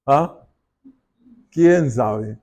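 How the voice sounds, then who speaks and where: A man's voice: medium pitch, animated, very slow, a little mellow. A man preaching a sermon in church, talking with the congregation through rhetorical questions. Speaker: pastor.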